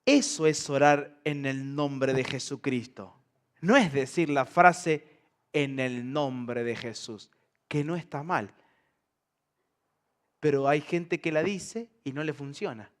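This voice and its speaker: A male pastor preaches to a live congregation. His voice sits a touch high for a man. He keeps it lively and joking and throws questions at the room. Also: slow pace. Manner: lively, humorous, asks the congregation rhetorical questions. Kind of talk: sermon. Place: church service before a congregation.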